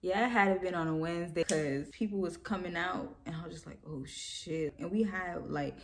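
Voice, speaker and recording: A woman's voice: lowish voice, brisk. A young woman casually telling a storytime tale, rambling with lots of fillers and laughing as she goes.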